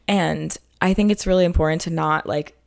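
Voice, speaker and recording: Young woman podcasting, lots of "like", kinda low voice with some vocal fry. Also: fairly even intonation, moderate pace. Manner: chatty, heavy use of "like" and "um", restarts. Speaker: podcast host. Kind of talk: casual solo podcast talk.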